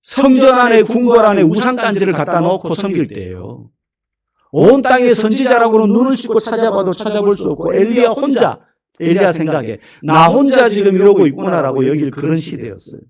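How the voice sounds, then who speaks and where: Brief: male pastor, higher-pitched voice, animated emphatic sermon delivery. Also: brisk. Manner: animated, emphatic preaching with rhetorical questions.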